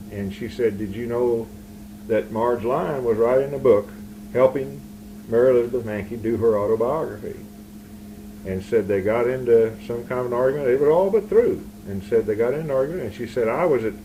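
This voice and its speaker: A man with a medium-pitched voice conducts a casual, conversational interview. He rambles and interrupts himself as he goes. The old amateur recording carries clear background noise.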